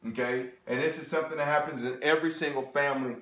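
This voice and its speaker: A man in his thirties giving a sales seminar presentation, animated and talking straight to the audience with frequent check-ins. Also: a little high, fast talker. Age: 30s. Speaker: financial presenter. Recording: echoey room.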